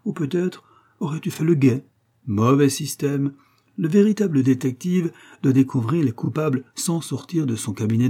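A man voicing a pompous, doddering elderly gentleman who lectures his friend with boastful, self-satisfied reasoning in a storybook reading. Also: mid-range voice, breathy edge, voice pushed up.

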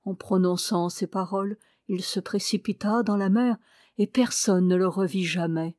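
A woman reading a fairy tale aloud in a calm, measured storytelling manner. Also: mid-range voice, dry recording, studio quality.

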